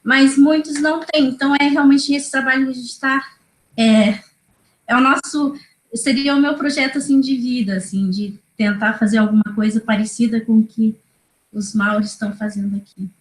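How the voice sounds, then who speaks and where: A Brazilian woman in her thirties, a native Kaingang speaker, talks as a guest educator over a laptop video call from a small indoor room. Her voice sits on the high side with fairly even intonation and a moderate pace. She sounds hesitant, using many fillers and tag questions, and the call audio is roomy.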